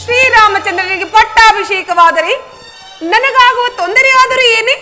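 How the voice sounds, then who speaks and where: A woman's voice: very high voice, normal speed, pushed and bright. A woman playing a proud, wavering queen in a village stage drama, with declamatory, emotional delivery. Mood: pondering. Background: stage music accompaniment.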